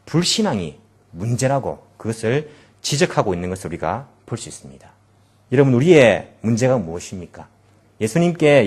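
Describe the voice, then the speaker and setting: A man's voice: a little high, darkish tone, husky. A male pastor preaching a sermon, asking the congregation rhetorical questions and retelling the story dramatically.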